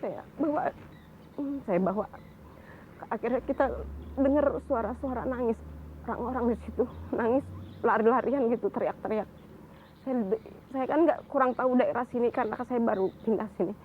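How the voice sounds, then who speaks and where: Halting woman survivor, tinny sound. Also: on the high side. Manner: halting, repeats herself, restarts. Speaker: tsunami survivor. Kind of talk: personal testimony. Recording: phone-like band, faint noise.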